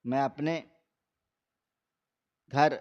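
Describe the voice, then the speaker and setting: A man reading a scripted first-person story aloud in a steady, measured way. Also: fairly high pitch. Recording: slightly dull lo-fi recording.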